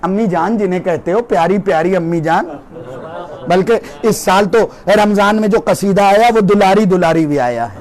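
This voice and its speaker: A male cleric delivering an impassioned religious sermon with an Indian Urdu accent, moving between quiet storytelling and shouted declamation. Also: normal speed. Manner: oratorical, swings from low storytelling to shouted declamation. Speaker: cleric giving a majlis sermon. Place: gathering hall with a crowd.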